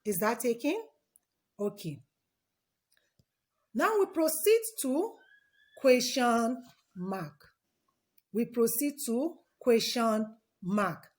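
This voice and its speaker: A young woman teaches children in an online lesson, her voice set a little high. She goes slowly and repeats each point, asking the class questions and answering them herself. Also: expressive. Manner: repeats key words and asks the class questions.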